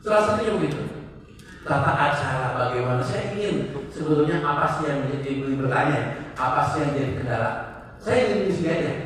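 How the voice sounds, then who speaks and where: A man giving a workshop on event protocol to an audience, lively and acting out his examples. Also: a little high, a little fast. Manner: animated, acts out examples in different voices. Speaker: protocol trainer. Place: large hall. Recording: echoey hall, distant mic.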